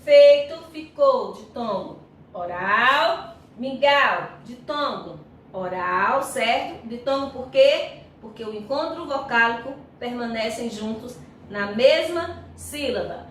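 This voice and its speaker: High-voiced Brazilian woman teacher, slow. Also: expressive, a bit bright. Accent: Brazilian Portuguese. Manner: explains slowly, often checks in with "certo?" and "ok?"; sounds out syllables slowly and stresses them. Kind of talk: recorded online grammar lesson. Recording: echoey room, voice far from mic, faint noise.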